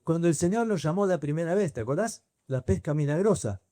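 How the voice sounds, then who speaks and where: A man with a Rioplatense accent preaching to a youth camp, telling the story in a lively way and putting questions to his listeners. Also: fairly high pitch, a little fast, no echo, clean studio sound. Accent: Rioplatense Spanish. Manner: storytelling, asks the audience questions. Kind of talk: sermon.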